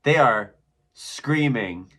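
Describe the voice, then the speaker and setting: A man hosting a reaction video, chatting casually and excitedly while he watches. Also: medium pitch, extremely slow, background noise. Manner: excitable, chatty, often laughing.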